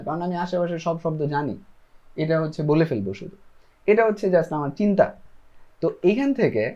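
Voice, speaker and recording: A man's voice: high-pitched, a little mellow, lo-fi sound. Chatty man explaining a lesson. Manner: chatty, repeats "okay?" checks with listeners. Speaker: self-taught English learner sharing lessons.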